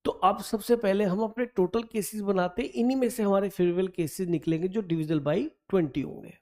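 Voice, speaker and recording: A man's voice: high voice, moderate pace, mellow. A man teaching maths, talking through an exam problem step by step and coaxing his students along in mix. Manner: coaxing, addresses students as beta, thinks aloud while counting. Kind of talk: explaining exam problem on a board.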